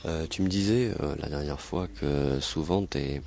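A male interviewer with a strikingly deep voice asks long questions that wander and hesitate. A faint background hum sits under his voice. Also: a little slow, a little mellow.

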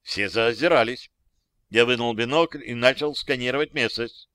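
A man narrating a first-person audiobook in a steady, even storytelling voice. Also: medium pitch, moderate pace, smooth, dry recording.

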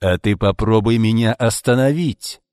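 A man voicing a furious, domineering middle-aged father who shouts harshly. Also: deep voice, moderate pace, no echo, studio quality, lightly acted. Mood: raging. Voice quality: bellowing, harsh.

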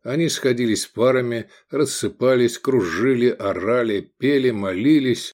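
A man reading an audiobook aloud in an expressive, lively way. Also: mid-range voice, measured pace. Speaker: audiobook narrator. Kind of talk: scripted narration.

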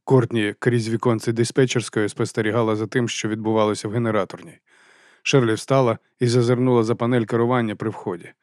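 A man narrating an audiobook in a measured, even reading. His voice sits in a middle pitch and is recorded dry and close, with no room sound. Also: dry recording.

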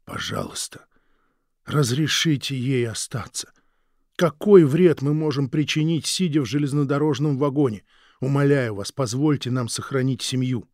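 A man's voice: medium pitch, normal speed, vocal fry, husky, dry recording, clean studio sound. Male reader as a desperate young father: sincere, pleading, unadorned. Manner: pleading, earnest.

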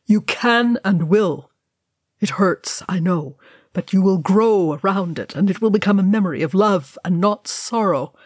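Woman reading as gruff male dwarf king; growled commands, slow, dry booth-like sound. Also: on the low side, dark tone, no room sound. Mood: commanding.

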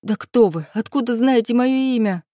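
A woman's voice: steady tone, moderate pace, dark tone, slightly rough, dry recording, clean studio sound. A woman reading a storybook, voicing a desperate young mother who cries and pleads in a raised voice. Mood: shocked. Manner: crying, high pleading.

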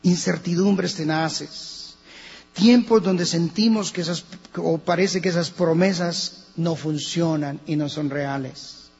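Colombian male pastor, husky and fairly high, dramatic sermon delivery, reverberant lo-fi church recording with hum. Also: takes it slowly, soft background music. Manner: preaching with dramatic shifts between hushed and loud. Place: church hall.

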